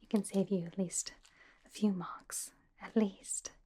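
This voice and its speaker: A woman's voice: medium pitch, steady tone, close to an everyday voice. Woman as whispering, studious Hermione Granger. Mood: gently advising. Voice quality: breathy whisper. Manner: gentle, helpful, hesitant pauses, softly chiding. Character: Hermione Granger, studious, earnest, caring teenage schoolgirl witch. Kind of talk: whispered ASMR roleplay, personal attention.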